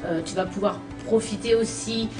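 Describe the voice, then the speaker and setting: A woman's voice: fairly high pitch, normal speed. A woman in her thirties from an event company, giving casual advice in a small office, talking with many hesitations. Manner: relaxed, hesitant with many fillers. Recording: roomy, distant mic, background music.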